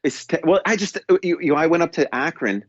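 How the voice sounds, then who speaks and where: A man with a New York accent talks in an animated, rambling way, tripping over his words and starting sentences again. His voice sits a little high for a man. The recording is dry and slightly dull, with no room sound. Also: brisk, no room sound. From New York State. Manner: rambling, animated, many restarts and stammers. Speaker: podcast co-host. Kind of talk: casual conversational chat. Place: London.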